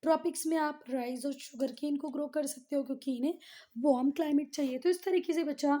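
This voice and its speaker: A woman leads a schoolroom lesson in a notably high voice. She explains patiently, repeats the key terms and keeps checking in with her students, switching now and then into textbook English. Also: fairly even intonation, a little fast, mellow. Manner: mixes English textbook phrases into Hindi explanation. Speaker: teacher.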